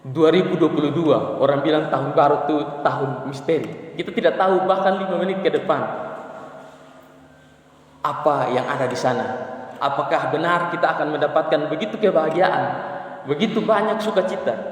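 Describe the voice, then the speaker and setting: A man's voice: fairly high pitch, moderate pace. A young man preaching a sermon at a church service, telling stories earnestly and stressing scripture as his voice rises. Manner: earnest storytelling, rising emphasis on scripture. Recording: echoey church hall, distant mic.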